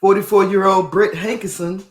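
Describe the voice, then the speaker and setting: This male podcast host's voice sits high, with fairly even intonation and a moderate pace. Reading out a news story and remarking on it in an echoey room, he stays indignant and keeps repeating phrases to drive his point home.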